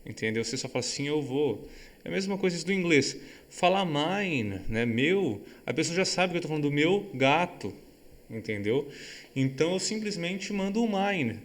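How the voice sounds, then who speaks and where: A man from Brazil giving an online English grammar lesson, patiently explaining and checking that students follow, with example sentences read slowly and carefully. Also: a little high, big pitch swings. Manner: patient, repeats key words, checks understanding often. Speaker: English teacher.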